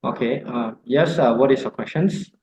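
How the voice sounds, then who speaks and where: A man leading an online course orientation, talking haltingly with many ums and uhs. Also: mid-range voice, a little mellow, reverberant, a little hiss or hum, low-quality recording. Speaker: course instructor.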